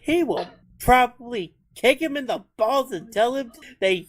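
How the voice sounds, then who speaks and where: A woman's voice: on the high side, animated, unhurried. Blunt, scornful woman in casual banter. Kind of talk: casual, profane group banter.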